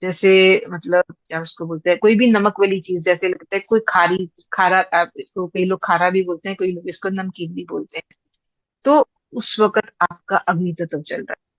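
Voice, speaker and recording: A woman's voice: lowish voice, steady tone, moderate pace, no echo, highs cut off. A woman teaching a class, explaining patiently and repeating points with everyday examples. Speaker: teacher of breath practice.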